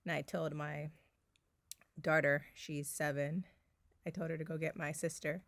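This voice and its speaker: Woman in her 30s, vlogger; low, creaky voice, chatty with fillers and laughs, dry close sound. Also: no room sound. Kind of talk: casual personal storytelling. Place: bedroom at home.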